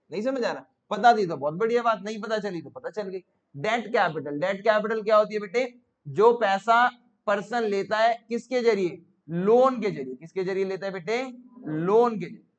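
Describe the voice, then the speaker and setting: A man's voice: high-pitched, muffled recording. A male teacher giving a classroom lecture, repeating each question to his students and coaxing answers out of them. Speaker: commerce teacher.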